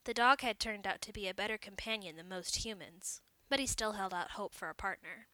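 A woman reads a short story aloud in a clear, measured way. Her voice is bright and forceful, mid-pitched, and the recording is dry and close with no room sound. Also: no room sound. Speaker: narrator. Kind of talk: scripted story narration.

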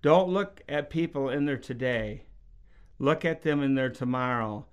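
A man's voice: mid-range voice, a little slow, clear, resonant tone, dull audio. A middle-aged man, a preacher, talking casually about faith and telling stories, acting out quotes in a raised voice. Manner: storytelling, acts out quotes in raised voice. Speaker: preacher and podcast guest.

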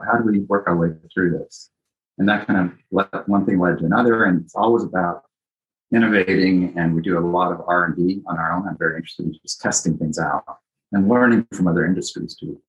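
A man who is a guest on a podcast, answering in a thoughtful, unhurried way with frequent ums. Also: deep voice, dull audio. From born in Greece, raised in Japan and Italy. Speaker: architect and company founder, guest. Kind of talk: casual interview.

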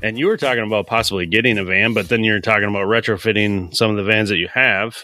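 A man's voice: fairly low pitch, fast, pushed and bright, soft background music. A man chatting casually as a tradesman co-hosting a podcast. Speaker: plumber and podcast co-host. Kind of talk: casual chat.

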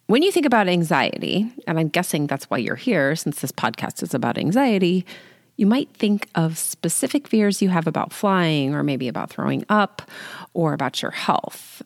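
Sitting on the floor of a small home closet, this podcast host and life coach, a woman in her late forties, chats informally and pokes fun at herself on her solo show. She speaks at a normal pace in a lowish, gravelly voice that is very animated. She holds a handheld mic without a pop filter, and the sound is dry and clean like a studio.

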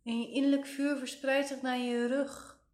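Woman, meditation guide, soothing, fairly high-pitched, long pauses, echoey room. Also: flat delivery, a little mellow. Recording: roomy, echoing voice recording.

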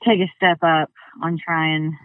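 A woman's voice: deep voice, flat delivery, slow, no echo, recorded from a distance. Muffled woman on a phone line. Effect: muffled, as if heard through a wall. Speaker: podcast co-host calling in. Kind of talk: casual chat.

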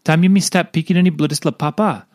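A man's voice: a little high, steady tone, quick pace, a little mellow, no echo, studio quality. A man with a Papua New Guinean accent reading a scripted devotional talk. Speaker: devotional reader.

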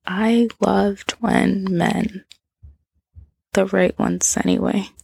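A woman narrating a whispered role-play, speaking softly and intimately to the listener on a close mic. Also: medium pitch, fairly even intonation, drawn-out words, vocal fry, breathy edge, no echo.

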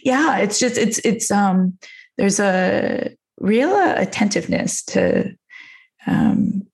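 A woman's voice: medium pitch, expressive, takes it slowly, creaky, a little mellow. A woman in casual, giggly, hesitant conversation, recorded on an echoey mic in a hard-walled room. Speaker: podcast co-host. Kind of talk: casual chat. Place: indoor room with hard bare walls.

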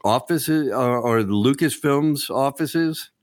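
A man hosting a podcast, chatting in an animated, enthusiastic, joking way. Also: medium pitch, takes it slowly, no echo. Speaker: podcast host. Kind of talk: casual chat.

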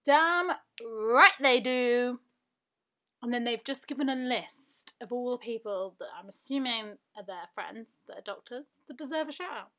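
A woman's voice: a little high, normal speed, few pauses. A young woman hosting a casual podcast, chatty and self-mocking, often laughing as she reads listener emails. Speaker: podcast host.

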